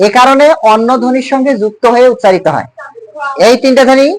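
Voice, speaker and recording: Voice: high-pitched, quick pace, poor audio. Teacher in class, repeats words a lot, quizzes the kids. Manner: explains patiently, repeats terms and quizzes students. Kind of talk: classroom lesson on speech sounds.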